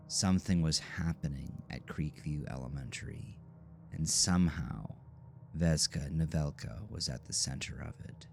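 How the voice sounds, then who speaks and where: A man narrates a scripted horror audio drama in a measured, ominous storytelling manner. His voice is low, rumbling and creaky.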